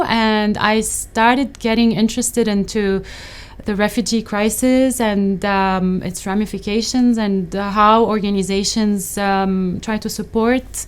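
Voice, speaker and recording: Middle-aged woman academic from Lebanon, resonant clear tone, measured interview answers with frequent pauses and ums. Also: medium pitch. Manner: thoughtful, hesitant, many fillers and restarts. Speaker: associate professor.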